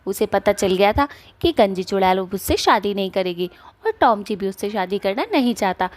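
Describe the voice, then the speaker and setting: A woman narrating a cartoon story in a plain, steady storytelling manner. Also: mid-range voice, moderate pace.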